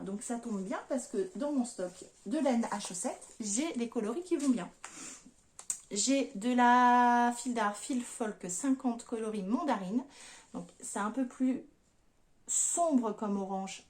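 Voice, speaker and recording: A woman's voice: mid-range voice, a little mellow. Chatty woman with many fillers. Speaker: knitting podcast host. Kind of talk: casual chat.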